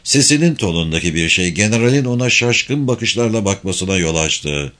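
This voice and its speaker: A man reading a novel aloud as narrator, steady and expressive. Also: on the low side, moderate pace. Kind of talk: audiobook narration.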